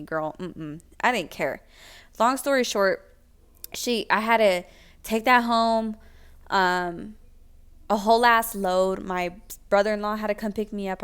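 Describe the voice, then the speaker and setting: A young woman from California tells a story straight to the camera in a loose, chatty vlog. Her voice is smooth and clear at an ordinary middle pitch. She talks candidly and drops the odd swear word. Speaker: vlogger.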